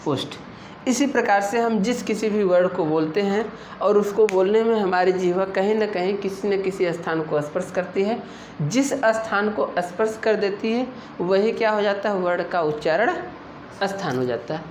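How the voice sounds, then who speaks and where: A woman teaching an exam-prep Hindi lesson, explaining slowly and patiently and asking her students questions as she goes. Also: medium pitch, a little mellow. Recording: echoey room with faint noise.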